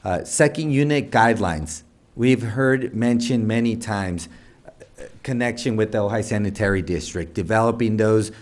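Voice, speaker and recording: Chairing a city council meeting in the council chamber, a man with a lowish voice speaks at a moderate pace. He rambles his way through a long list of items, with many restarts and asides.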